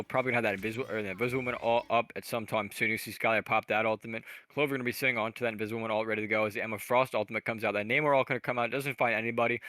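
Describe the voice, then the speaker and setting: A man doing fast play-by-play commentary on a college esports match, rattling off calls at an auctioneer's pace. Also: mid-range voice, bright, forceful tone, dry recording. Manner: rapid-fire play-by-play, self-described auctioneer pace.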